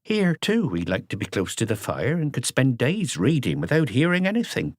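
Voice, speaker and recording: Here a man narrates the role of an older, sharp-tongued mother, wary but proud of her son, delivering muttered, defiant comebacks with a wistful pride. He speaks at medium pitch pushed upward, at a normal speed, with huge pitch swings. The audiobook recording is dry and clean.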